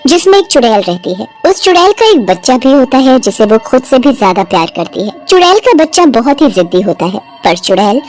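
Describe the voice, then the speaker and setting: A woman narrating a cartoon story, her voice set a little high and swinging in pitch as she tells it. She keeps an expressive storyteller's lilt over soft background music. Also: a little fast, few pauses.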